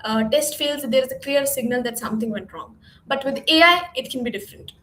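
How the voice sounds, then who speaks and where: A woman with a high, bright pitch opens the session as its host, reading a scripted introduction in a clear, upbeat way. Her voice rings in a reverberant room. A faint hiss sits under the recording. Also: expressive, brisk. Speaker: event host.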